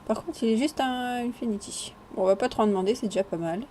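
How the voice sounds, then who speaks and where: A woman giving casual, chatty commentary over her own gameplay, relaxed and talking to the game characters as she goes. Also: fairly high pitch, quick pace, a little hiss or hum. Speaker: gaming vlogger.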